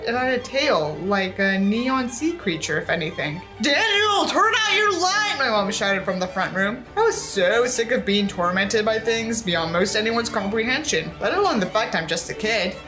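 This video creator, a young adult woman with a medium-pitched, slightly bright voice, reads a book aloud with dramatic flair. She frequently breaks off for sarcastic, exasperated asides.

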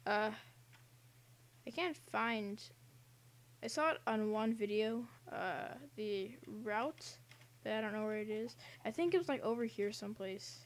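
A woman's voice: medium pitch, measured pace. A young woman casually commenting on a game she is playing, rambling and giggling with silly asides, recorded at home. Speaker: gaming channel host.

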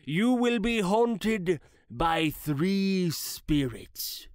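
An actor playing the solemn ghost of a dead old businessman who speaks in slow, grave, mournful pronouncements. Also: sits high, lively intonation, no room sound, clean studio sound, heavily acted. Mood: urgent warning. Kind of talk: dramatized classic story reading.

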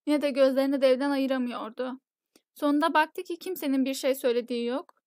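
A woman narrating a novel as an audiobook in a steady, measured storytelling voice. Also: high voice, no echo, studio quality.

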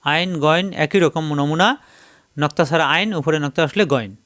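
A man leads a slow reading lesson, chanting syllables and repeating them patiently for learners. His voice sits fairly high and sounds smooth and crisp. The recording is dry and close, with no room echo. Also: a bit bright. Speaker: Quran reading teacher. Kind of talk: slow drilled recitation lesson.

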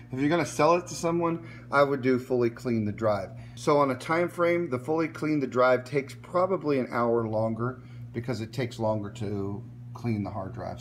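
Male tech-tutorial host, mid voice, unhurried off-camera explainer, light background hum. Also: mid-range voice. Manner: relaxed, plain, repeats "okay?" to check in. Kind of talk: step-by-step screen tutorial. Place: indoors at a workbench filming a laptop screen.

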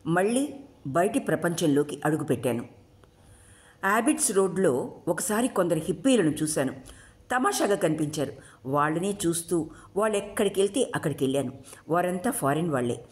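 A woman storyteller reading a short story aloud in an expressive way. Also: on the low side, moderate pace, long pauses.

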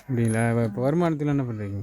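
A man's voice: medium pitch, quick pace, dark tone. A man vlogging outdoors in a village, chatting with locals through short, polite questions. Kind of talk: casual chat.

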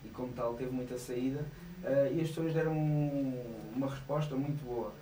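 A singer in his thirties with a European Portuguese accent chats as a guest in a small radio studio, laughing often and hesitating. His mid-range voice is mellow and steady at a moderate pace. Though he's on a studio mic with headphones, he sounds far from it, and the audio is reverberant and poor.

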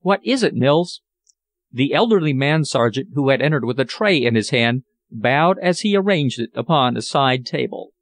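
A man narrating an audiobook in a measured, expressive way. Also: medium pitch, dry recording.

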